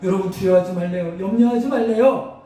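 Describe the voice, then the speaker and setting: A man's voice: sits high, fairly quick, dark tone. A man preaching a sermon as pastor, emphatic, asking his congregation questions and acting out battle cries. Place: church sanctuary. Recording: echoey church hall, mic at a distance.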